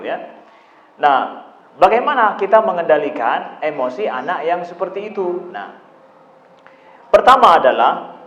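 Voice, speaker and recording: A man's voice: on the high side, roomy sound, dull audio. A man giving a religious lecture on parenting, talking in a repetitive, conversational way and asking his listeners rhetorical questions. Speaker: Islamic preacher answering parents' questions.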